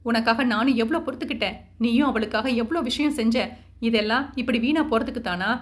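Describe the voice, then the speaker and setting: Woman doing an angry mom yelling at everyone, bit high voice, audio novel. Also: brisk, close to an everyday voice. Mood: furious. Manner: scolding, shouting. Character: furious grieving middle-aged mother.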